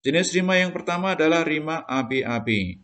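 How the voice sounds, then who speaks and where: A man's voice: fairly high pitch, expressive, fairly quick, fairly bright tone. A male primary school teacher giving a recorded lesson, explaining patiently step by step to children.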